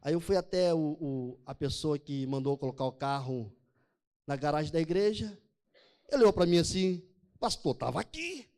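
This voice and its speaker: A male pastor, giving a sermon with a personal testimony, slow and emphatic, then soft as he tells the story. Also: on the high side, clear, resonant tone.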